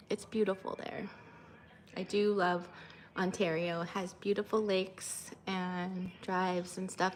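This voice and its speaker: A woman in her thirties talks loosely to her livestream viewers, drifting between thoughts with plenty of ums and restarts. Her voice sits at a middle pitch. A faint hum of background noise runs under it. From Canada. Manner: rambling with many fillers, high sing-song when coaxing her child. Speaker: vlogger and mother. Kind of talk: casual livestream chat.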